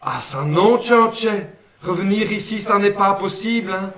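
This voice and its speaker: A man's voice: high-pitched, a little slow, fairly bright tone. A man voicing a friendly male guardian angel with a Brussels accent, homely and fond of saying "une fois" and "hein". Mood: kindly. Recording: roomy sound, mic at a distance.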